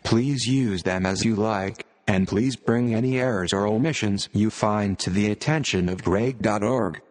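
A computer-generated male voice like an old speech synthesizer, reading scripted narration with stiff, robotic, measured phrasing. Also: on the low side, in a large hall. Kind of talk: scripted narration, read aloud.

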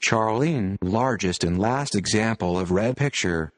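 Low synthetic male computer narrator. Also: measured pace. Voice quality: synthetic computer-generated voice, like an old speech synthesizer. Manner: mechanical, flat text-to-speech delivery with stiff phrasing. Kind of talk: scripted read-aloud narration.

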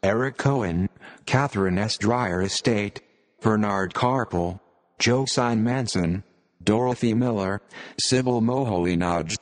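A computer-generated male voice like an old speech synthesizer, reading scripted narration with stiff, robotic, measured phrasing. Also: fairly low pitch, long reverb tail. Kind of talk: scripted narration, read aloud.

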